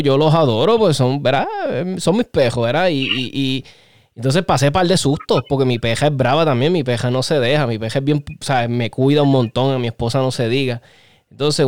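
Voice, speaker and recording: A man hosting a casual podcast chat, telling stories with lively acted-out reactions. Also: mid-range voice, no echo, clean studio sound. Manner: animated storyteller, acts out reactions. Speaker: podcast host.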